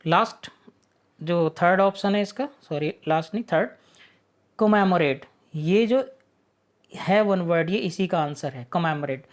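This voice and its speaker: A man's voice: high-pitched, takes it slowly. A male teacher walks students through an online exam-prep vocabulary lesson. He explains each word patiently, poses rhetorical questions and answers them himself, and keeps checking that his students are following along.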